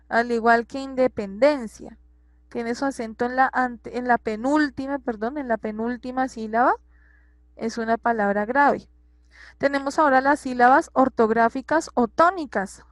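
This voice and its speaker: A woman's voice: on the high side, no echo. A woman teacher explaining a grammar lesson patiently, repeating examples and checking that her students follow.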